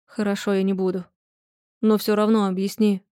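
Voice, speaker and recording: Brief: woman voicing a soft, gentle young mother, mellow dark tone, dry sound. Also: mid-range voice, level tone, moderate pace, clear, resonant tone, dry recording, natural voice.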